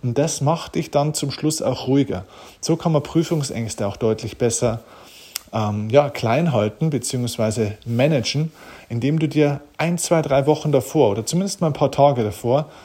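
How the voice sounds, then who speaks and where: In a dark, husky voice of medium pitch, a motivational speaker addresses the listener personally at a normal speed. His talk is earnest and direct, and he answers questions along the way.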